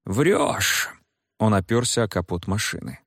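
A man narrating an audiobook in an expressive, dramatic way. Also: lowish voice, moderate pace, no room sound, clean studio sound.

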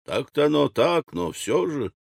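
A male audiobook reader voicing a scheming, level-headed young man who speaks in a low, measured, conspiratorial way. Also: very animated, creaky, no echo, clean studio sound, full character voice. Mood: coaxing. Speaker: audiobook character. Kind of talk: audiobook character reading.

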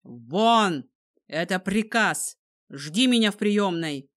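A woman's voice: medium pitch, lively intonation, takes it slowly, a bit bright, no echo, clean studio sound. A woman voicing an enraged, domineering husband who snarls and barks orders. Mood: furious.

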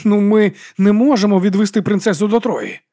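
A man's voice: brisk, dark tone, no echo, clean studio sound. A man voicing an exasperated, panicky monk who protests shrilly. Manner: shrill and indignant.

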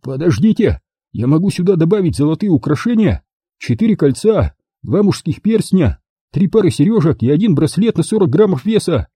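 A rough, coarse ex-diver thug, played by a male reader with a husky, dark voice pushed well above the reader's natural pitch. He barks crude threats and begs in a lively up-and-down delivery, recorded dry and close. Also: brisk, no room sound, full character voice. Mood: pleading. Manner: coarse, snarling, then pleading.

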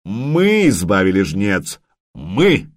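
A snarling berserker warrior, voiced by a man, all fury and heavy slow roars, pushed up high and loud. Recorded dry, close and plain. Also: wildly swooping pitch, no room sound, full character voice. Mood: furious roaring. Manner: roaring, snarling.

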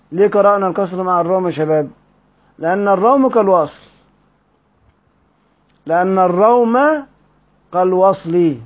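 High-voiced Egyptian recitation teacher. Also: male voice, dull audio. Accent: Egyptian Arabic. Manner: quizzes students, reads a text aloud and explains it. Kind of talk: online lesson teaching recitation rules.

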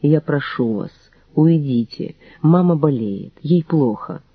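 A man's voice: a little high, animated, takes it slowly, breathy edge, dry recording, narrow, tinny audio, exaggerated voice. A man reading an audiobook, voicing a timid, meek grown son who pleads. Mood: pleading.

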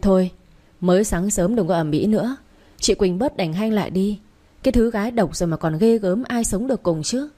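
A woman reading the part of a gruff middle-aged man who heads the household and speaks in a bossy, scolding way, in a narrated story. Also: medium pitch, fairly quick, dark tone, natural voice.

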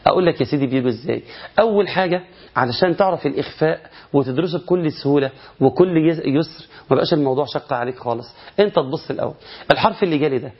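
A man with an Egyptian Arabic accent teaching Quran recitation rules in a lively, question-and-answer style, drawing out words to demonstrate them. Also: mid-range voice, dull audio. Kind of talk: colloquial recitation lesson.

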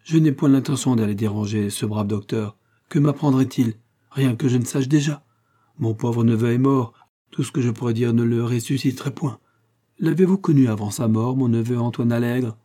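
A man's voice: medium pitch, moderate pace, warm tone, lightly acted. Man doing a sly old police inspector. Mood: courteous. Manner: feigned humble politeness, sly muttered asides. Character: cunning older male police inspector posing as a deaf provincial uncle.

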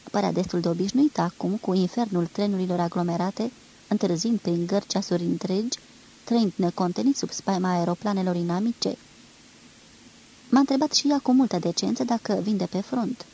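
A woman reading a literary novel aloud in a measured, expressive storytelling manner. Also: medium pitch, creaky, slight background noise, low-quality recording. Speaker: reader.

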